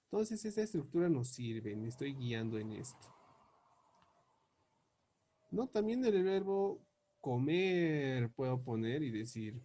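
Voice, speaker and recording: A man teaching English grammar, spelling out example questions slowly and word by word as he writes them up. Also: medium pitch, very animated, dark tone. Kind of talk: explaining grammar on a board.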